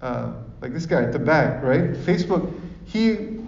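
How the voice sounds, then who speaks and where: This Sri Lankan speaker's voice is a little high and darkish, animated yet measured in pace, with vocal fry and slight background noise. He gives an informal, conversational talk with audience questions in an echoey room, frequently seeking agreement with tag questions, and the recording is roomy, dull, and distant.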